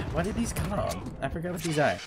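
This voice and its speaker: A man's voice: a little high, big pitch swings, a little fast, very noisy. A man giving casual, laughing commentary while he plays a shooter game, swearing freely. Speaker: gamer. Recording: game music under voice. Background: game music and gunfire.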